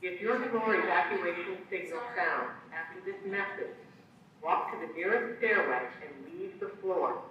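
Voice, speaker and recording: Man, PA system announcement, high voice, very echoey, distant, muffled. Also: a little hiss or hum. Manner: measured, formal recorded announcement. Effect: played over a building PA system. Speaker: building alarm announcement.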